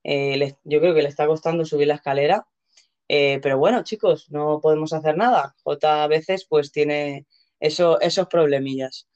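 A woman's voice: low voice, moderate pace, darkish tone. A woman with a Castilian Spanish accent hosting a casual live show, chatty, playful and given to exclamations. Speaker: host. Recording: dull, lo-fi audio.

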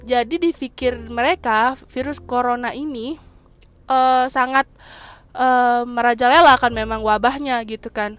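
A woman's voice: on the high side, a little slow, smooth, no echo. A young woman with a Jakarta accent telling a story in a casual, slangy monologue and acting out exclamations. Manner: chatty and animated, slangy, acts out exclamations. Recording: faint music behind.

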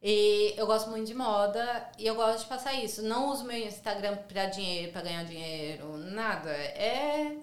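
In an echoey room, a chatty podcast guest from São Paulo, Brazil, talks conversationally with a São Paulo Brazilian Portuguese accent, frequently adding tag questions. Her medium-pitched voice moves at normal speed with hardly any pauses.

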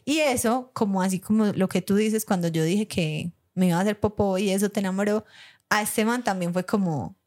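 A young Colombian woman co-hosts a podcast in a brisk, mid-range voice, telling a casual story full of laughter. Speaking with a Colombian Spanish accent, she's animated and acts out the lines she once said.

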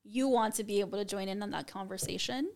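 Woman with heavy vocal fry. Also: mid-range voice, fast talker. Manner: animated, laughs often. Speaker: guest. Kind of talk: casual podcast chat.

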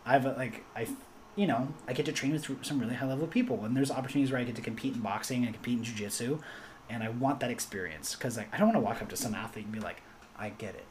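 A young man chatting casually, rambling with lots of fillers and animated storytelling. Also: mid-range voice, fast, a little hiss or hum. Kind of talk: casual chat.

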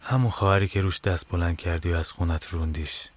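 A man voicing a grave grown man who speaks quietly and somberly in a storybook podcast. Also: deep voice, steady tone.

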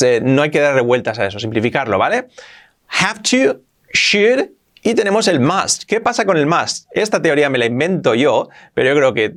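A man with a Spanish accent from Spain explains English grammar in a lively teaching voice. He drills the words by repeating them and leaps up in pitch to stress a point.

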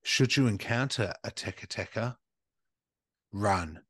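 Low-voiced man reading spooky notes. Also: a little slow, slightly rough, no echo. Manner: reads notes then jokes loudly, crude banter. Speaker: podcast co-host. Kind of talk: casual chat, reading out a legend.

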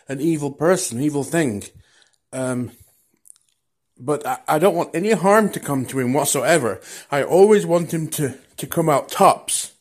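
A man's voice: on the high side, slightly rough. A man calling in to a casual chat. He speaks hesitantly and uses many fillers. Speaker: caller.

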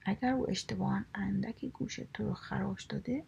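A woman whispering a storybook reading, voicing a scheming, flattering male fox in a coaxing tone. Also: mid-range voice, a little hiss or hum, low-quality recording. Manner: coaxing, smooth-talking, whispered.

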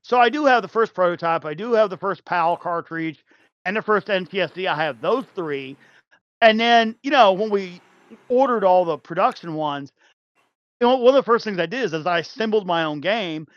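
A man's voice: high-pitched, animated, normal speed, fairly bright tone, dry recording, dull audio. A man talking casually as a podcast guest, rambling with lots of fillers and restarts and laughing easily. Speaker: podcast guest, game developer. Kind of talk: casual chat.

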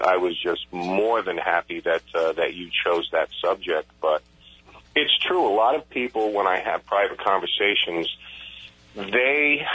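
Low, husky male radio talker. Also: bright, forceful tone, poor audio. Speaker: radio co-host and event organizer. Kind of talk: casual talk-show discussion.

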